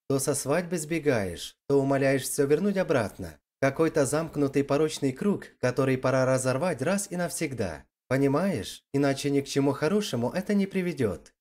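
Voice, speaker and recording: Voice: medium pitch, a little mellow. A storyteller voicing a tired but resolute young man who answers firmly and with bitter mockery in an audiobook story. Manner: firm, then bitterly mocking. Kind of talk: audiobook character reading.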